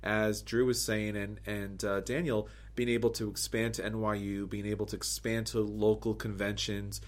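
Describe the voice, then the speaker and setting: A man co-hosting a board game podcast, talking earnestly and upbeat, with lively quoted asides. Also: fairly low pitch, normal speed. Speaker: podcast co-host. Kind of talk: casual podcast talk.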